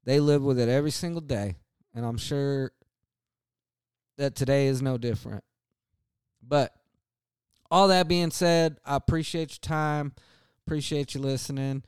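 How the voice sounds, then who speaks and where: A middle-aged veteran man, hosting a candid, heartfelt monologue with pauses and restarts. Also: medium pitch, fairly even intonation, darkish tone, clear, resonant tone, no echo, studio quality. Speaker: veteran talk host.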